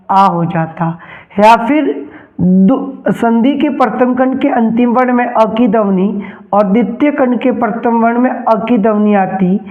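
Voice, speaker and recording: Slow, high-voiced man teaching grammar. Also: phone-quality sound. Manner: slow, repeats each term, asks and answers his own questions. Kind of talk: Hindi grammar lesson.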